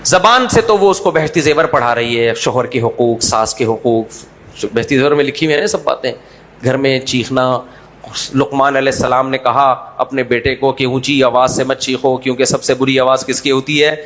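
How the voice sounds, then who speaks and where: A man giving a religious lecture in a joking, storytelling way, at times breaking into loud mock shouts. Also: mid-range voice. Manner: lively, jokey storytelling with sudden jumps to loud mock shouting. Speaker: Islamic preacher.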